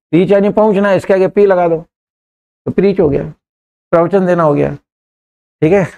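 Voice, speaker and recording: An English teacher, coaxing his students through sentences and repeating them slowly word by word in a live class. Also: fairly high pitch, a little mellow.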